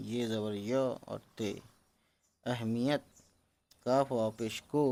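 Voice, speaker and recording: Male teacher, slow patient spelling drills, English words slipped in. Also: mid-range voice, darkish tone. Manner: slow, patient syllable-by-syllable sounding out; mixes English words into explanations. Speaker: Urdu teacher.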